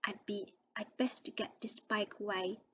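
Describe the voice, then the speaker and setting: A woman reading aloud as a huge, gentle male giant, who speaks in a choked, pleading voice. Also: medium pitch, level tone, unhurried, background noise, close to an everyday voice. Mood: tearful.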